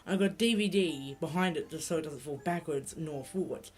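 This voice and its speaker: A man's voice: on the high side, brisk. A young man with a blocked nose giving rambling, self-correcting let's play commentary into a laptop mic. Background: game music.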